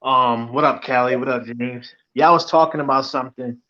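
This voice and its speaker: A man's voice: mid-range voice, steady tone, moderate pace. Hesitant man over lo-fi call audio. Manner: hesitant, many fillers. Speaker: panel guest. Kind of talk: casual storytelling. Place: dark room on a video call.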